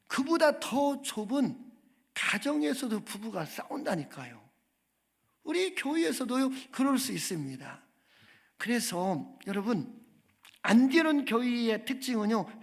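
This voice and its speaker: Inside a church sanctuary, a man with a very high-pitched, gravelly voice delivers a sermon as a visiting pastor. He is emphatic, asking the congregation questions and calling out for amens.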